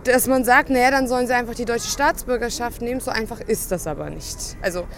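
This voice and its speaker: A woman who serves as a city councillor, speaking briskly and argumentatively in an interview clip outdoors. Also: fairly high pitch, slight background noise.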